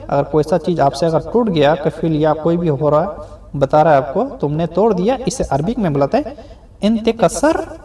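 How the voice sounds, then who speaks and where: A man runs a slow, patient phrase lesson, saying each line twice and then taking it apart word by word. His voice sits high and swings widely in pitch, with a mellow, soft tone. He often closes a point with a rising check-in question. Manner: ends explanations with a rising "ठीक है?" check. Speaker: Arabic language teacher. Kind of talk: spoken language lesson.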